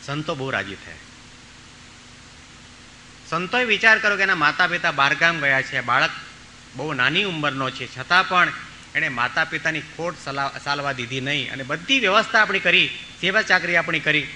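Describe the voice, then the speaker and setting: A man's voice: on the high side, lively intonation, normal speed, pushed and bright, a little hiss or hum, low-quality recording. A man preaching a storytelling sermon, acting out the voices of the people in his tales. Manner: acts out voices in his stories, pleading and commanding. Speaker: monk preacher.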